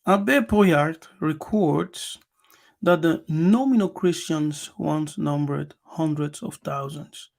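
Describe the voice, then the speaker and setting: A man from Angola gives a lecture, reading passages aloud and then commenting on them. His voice is gravelly and he speaks very slowly. He is emphatic, repeats key words and keeps punctuating with "yes". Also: a little high, a little mellow. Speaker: channel host.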